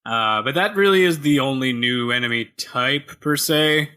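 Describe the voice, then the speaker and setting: A man's voice: mid-range voice, normal speed, sharp tone, clean tone. A man co-hosting a casual gaming podcast, joking and punning as he reviews a game, talking into a headset. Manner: punny, jokey, slips into mock voices. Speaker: podcast co-host.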